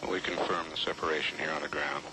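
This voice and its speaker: Deep, flat male mission commentary through heavy noise. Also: over loud music. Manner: measured, technical, matter-of-fact. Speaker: mission control announcer. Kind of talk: live spaceflight status commentary. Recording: very noisy archival radio broadcast.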